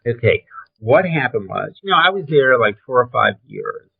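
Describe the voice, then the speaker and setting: A man's voice: mid-range voice, big pitch swings, moderate pace, creaky, breathy edge. An older man with a Brooklyn accent, reminiscing about his career in an emphatic, blunt, conversational way. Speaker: interview guest, film trailer and design veteran. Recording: thin, phone-like call audio.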